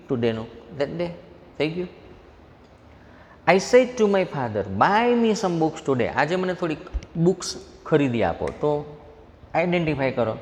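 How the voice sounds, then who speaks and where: Male teacher with a Gujarati accent, slightly high and animated, patient step-by-step explainer, recorded in a reverberant hall. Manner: explains step by step, reads example sentences slowly, asks the class questions. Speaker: English grammar teacher. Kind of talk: classroom lecture mixing Gujarati and English. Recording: faint noise, long hall reverb.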